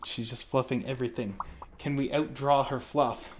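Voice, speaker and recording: A man's voice: medium pitch, steady tone, moderate pace, slight background noise. A man co-hosting a casual online art critique stream, joking and rambling as he corrects himself mid-sentence.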